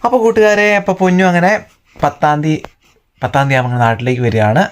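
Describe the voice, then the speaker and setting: A man vlogging at home while pranking his wife, in a quick, teasing way. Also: a little high, big pitch swings. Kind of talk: casual home vlog, teasing.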